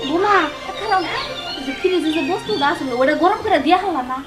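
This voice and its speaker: An actress playing a domineering, taunting middle-aged mother-in-law in a village family drama, with a shrill, scolding way of talking. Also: animated, brisk. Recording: noisy background.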